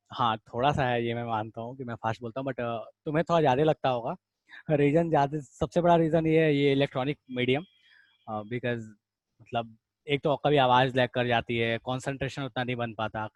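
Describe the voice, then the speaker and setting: A man teaching an online chemistry revision class, talking quickly and casually and calling his students "beta". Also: mid-range voice, no room sound. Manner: fast-talking, addresses students as beta, casual Hinglish asides.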